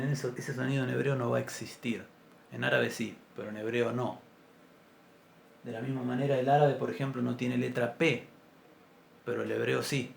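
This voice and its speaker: A man teaching an introductory Biblical Hebrew class, explaining patiently and clearing his throat often. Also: medium pitch. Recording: roomy echo, faint background noise.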